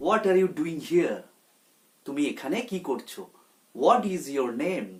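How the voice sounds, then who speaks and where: Man drilling English words slowly. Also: a little high, sing-song. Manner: repeats each word slowly, drilling its pronunciation. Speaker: English tutor. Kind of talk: pronunciation lesson.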